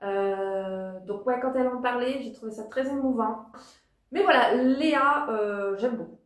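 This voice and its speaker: A woman's voice: on the high side, a little slow. A woman giving a casual spoken review as a vlogger, hesitant, with many fillers and restarts. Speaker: vlogger reviewing a TV talent show. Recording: echoey room.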